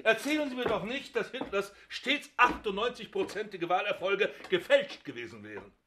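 A man's voice: high voice, expressive, moderate pace, noisy background. A man playing a sardonic, lecturing man. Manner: sardonic, hectoring.

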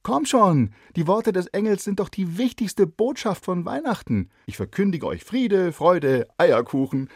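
A man voicing a bright cheerful schoolgirl. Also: very animated, a little slow, hardly any pauses, husky, dry recording, studio quality, exaggerated voice. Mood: encouraging. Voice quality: high bright put-on girl voice. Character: lively young schoolgirl, cheerful and encouraging.

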